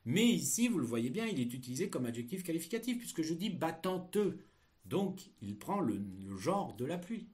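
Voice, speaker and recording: Animated man dictating like a schoolteacher. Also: a little high. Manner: dictating, drawn-out emphatic phrases between explanations; didactic, poses rhetorical questions. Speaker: French teacher giving an exam dictation. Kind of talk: dictating with grammar explanations.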